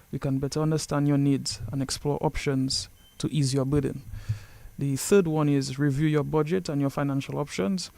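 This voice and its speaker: A man with a fairly high voice and a gravelly edge gives a prepared informational talk. He is formal and measured, keeps his intonation flat, and is recorded dry and close. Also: no room sound. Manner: measured, formal, point-by-point delivery. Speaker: credit union representative.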